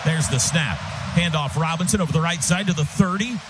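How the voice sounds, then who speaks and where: On live radio, a man delivers college football play-by-play in quick, urgent bursts that climb into shouting. His voice is a little high and brisk, and the recording is very noisy.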